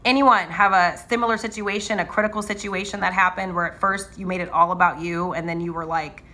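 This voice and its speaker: A woman's voice: fairly low pitch, brisk. A woman, a nurse anesthetist, giving casual motivational advice to students, telling stories with lots of fillers and asking "right?". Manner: animated storytelling, frequent fillers and "right?". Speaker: nurse anesthetist and channel host.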